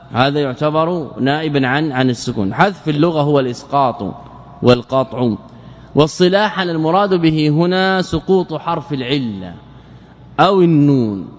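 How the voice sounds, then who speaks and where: Guy teaching grammar to a class, keeps quizzing them and repeating the rules, bit high voice, long echo in the hall. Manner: questioning students and answering himself; repeats key phrases for emphasis. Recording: long reverb of a lecture hall.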